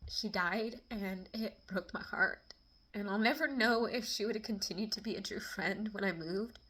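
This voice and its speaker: A woman's voice: medium pitch, pushed and bright, slightly rough. A woman talking candidly to her camera about friendship, emotional and frank, swinging between laughter and near tears and swearing casually. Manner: swears casually, quick bursts of exasperation. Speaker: vlogger. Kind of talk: personal confessional talk to camera.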